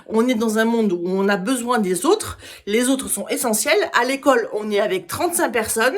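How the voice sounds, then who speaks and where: A woman giving an opinionated campaign speech, halting with many hesitations and restarts. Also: a little high. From Italian heritage. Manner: blunt, opinionated rant. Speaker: political candidate.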